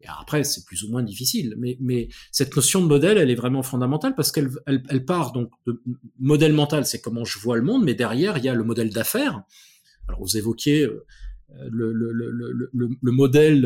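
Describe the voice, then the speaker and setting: A man's voice: mid-range voice, darkish tone, slightly rough. A man speaking as an expert guest in an interview, explaining ideas thoughtfully with frequent restarts and repeated words.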